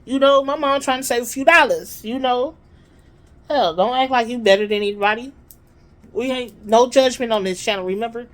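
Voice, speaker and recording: A woman hosting her own vlog, telling a story in an animated, chatty way and talking straight to her audience. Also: a little high, normal speed. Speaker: vlog host. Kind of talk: casual storytelling to viewers.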